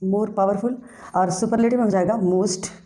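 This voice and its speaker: A woman's voice: medium pitch, steady tone, moderate pace, dark tone. A woman teaching English grammar, asking herself questions and answering them, and spelling words out letter by letter. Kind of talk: classroom grammar lesson.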